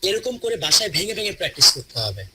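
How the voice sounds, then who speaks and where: A man with a Bangladeshi Bengali accent teaching English pronunciation in a classroom, slowly drawing out model phrases for students to repeat. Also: high-pitched, big pitch swings, heavy background noise. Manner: slow, drawn-out model phrases for repetition. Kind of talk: classroom lesson.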